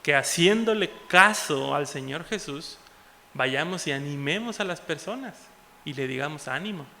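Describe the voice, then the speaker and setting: A man with a Mexican Spanish accent preaching an impassioned sermon as a pastor, moving between loud exhortation and soft asides. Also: fairly high pitch, animated, normal speed, gravelly, slight background noise. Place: church hall. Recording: echoey church hall.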